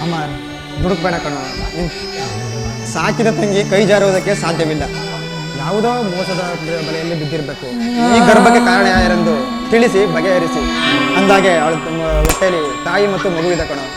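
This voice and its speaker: A man acting a doctor who counsels calmly and firmly in a stage drama. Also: sits high, natural voice. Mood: soothing firm. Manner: reassuring, measured counsel. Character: calm family doctor, soothing and firm. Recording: roomy live stage with loud music.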